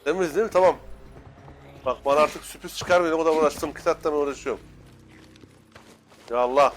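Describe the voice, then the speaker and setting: Excitable young man shouting at a game. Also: fairly high pitch, brisk, a little hiss or hum. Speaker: gaming YouTuber. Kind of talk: Let's Play commentary.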